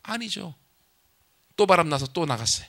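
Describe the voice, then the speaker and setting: A man's voice: sits high, animated, moderate pace, a bit bright. A male pastor giving a sermon in a conversational way, asking the congregation questions.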